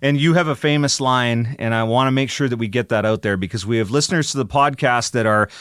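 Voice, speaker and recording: A man's voice: medium pitch, quick pace, a bit bright, smooth, no echo, studio quality. Chatty male podcast host. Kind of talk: podcast interview.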